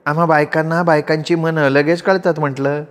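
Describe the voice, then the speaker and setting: Guy doing a teasing young sister-in-law, bit higher voice, roomy echo. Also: level tone, moderate pace, natural voice. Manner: playful, teasing. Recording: roomy reverb.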